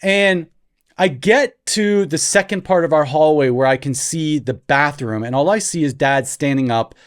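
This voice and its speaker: A man's voice: on the high side, normal speed. A man in his thirties co-hosting a podcast, telling a story in a casual chat and acting out the quotes as he laughs through it. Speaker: podcast co-host.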